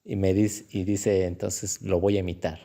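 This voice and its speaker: A young man tells stories in a relaxed interview. His voice sits lowish and mellow, and he laughs as he acts out the voices of the people in his stories. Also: moderate pace. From Ecuador. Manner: animated storyteller who acts out voices and laughs often. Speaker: interview guest. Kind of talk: casual storytelling interview.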